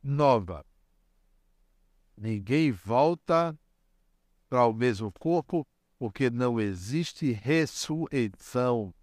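An older man giving a religious lecture, speaking deliberately and repeating key words for emphasis. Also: mid-range voice, animated, a little mellow, no room sound, studio quality. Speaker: spiritist lecturer.

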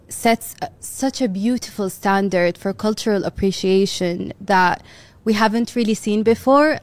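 A woman speaks as an interview guest in a mid-pitched voice with a flat, even melody. She is gracious and measured as she answers. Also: dry recording.

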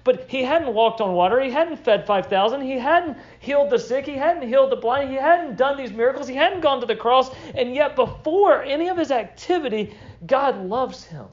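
A man's voice: extremely high pitch, lively intonation, moderate pace, muffled recording. A young man preaching a sermon as pastor, earnest and emphatic, repeating short phrases for weight.

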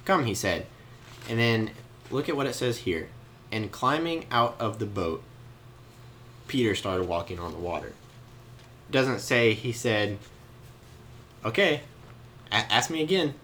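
Young male study leader, low voice, playful storytelling, faint room hum. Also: measured pace, long pauses. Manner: joking, animated storytelling with laughs. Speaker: youth Bible study leader. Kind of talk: casual teaching.

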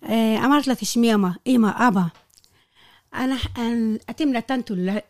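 Animated woman with Hebrew. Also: fairly high pitch, no room sound. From Negev, Israel. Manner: animated, acts out quoted dialogue, non-native Hebrew grammar slips. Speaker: interviewee, Bedouin tour guide. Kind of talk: personal storytelling in conversation.

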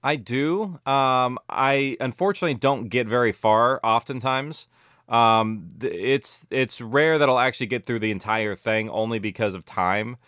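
A middle-aged audio drama producer is an interview guest, chatting casually in a medium-pitched, unhurried voice. He rambles with animation, correcting himself and peppering his talk with "like" and "you know." The recording is dry with clean studio sound.

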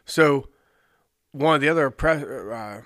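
Bright-voiced joking sports co-host, man. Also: medium pitch, slow, dry recording, studio quality. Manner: jokey, runs through scores and records. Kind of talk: casual sports talk.

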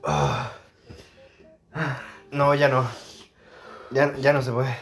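A man with a Chilean accent, co-hosting a podcast, swearing and teasing with loud exclamations during a spicy food challenge. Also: medium pitch, sing-song, extremely slow. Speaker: podcast co-host.

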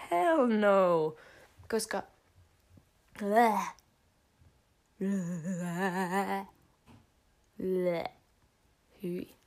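Slangy, gravelly teenage girl. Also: medium pitch, a little mellow. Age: teens. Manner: slangy, dramatic, swears a lot, jumps between whispers and outbursts. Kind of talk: casual monologue.

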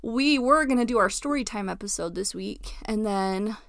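A woman's voice: mid-range voice, lively intonation, normal speed, a bit bright, no echo, studio quality. Giggly young woman chatting on a podcast. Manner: giggly, chatty, many fillers. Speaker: podcast co-host. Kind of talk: casual chat.

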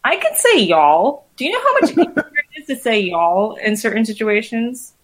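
A woman's voice: a little high, sing-song, normal speed, slight background noise, poor audio. A woman in her twenties, chatting playfully and defensively as a podcast co-host among male friends. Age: 20s. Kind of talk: casual group chat.

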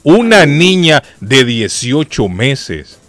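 A man's voice: mid-range voice, sing-song, takes it slowly, fairly bright tone, dry recording, soft background music. A man hosting a casual live radio chat show. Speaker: radio host.

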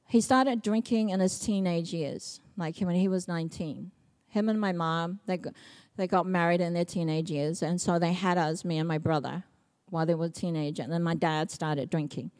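A middle-aged woman from Samoa giving a personal testimony sermon, telling stories in a lively way and acting out quoted speech. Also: fairly low pitch. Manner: lively storytelling, acts out quotes, laughs often. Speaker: preacher.

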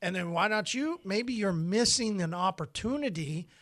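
A man's voice: high-pitched, expressive, moderate pace, fairly bright tone. A man co-hosting a casual podcast chat, talking in loose rambling phrases that restart and repeat as he tastes beer. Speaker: podcast co-host.

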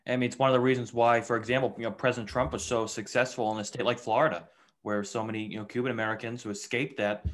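A man's voice: mid-range voice, little pitch movement, fast, fairly bright tone. A man hosting an interview, asking long rambling questions with many restarts. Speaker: podcast host. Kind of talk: conversational interview.

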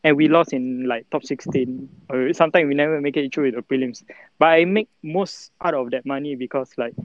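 A man's voice: mid-range voice, dry recording, muffled recording. A man in his twenties with a Singaporean accent, giving casual, rambling interview answers in colloquial Singlish, full of fillers and local particles. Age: 20s. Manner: colloquial Singlish with particles like lah, lor and mah; halting, rambling, heavy on filler words. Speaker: interview guest, breakdancer.

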